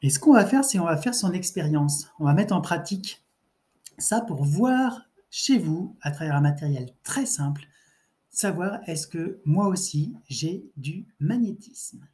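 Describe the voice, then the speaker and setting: A man's voice: on the high side, expressive, unhurried, a little mellow. A man giving a spoken lecture as a trainer, hesitant and often restarting his sentences.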